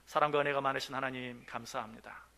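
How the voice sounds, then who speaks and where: A man's voice: medium pitch, steady tone, fast, vocal fry. Impassioned male pastor preaching. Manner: swings from quiet pleading to loud exclamation; voices God and the believer in quoted dialogue. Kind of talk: sermon. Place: church sanctuary.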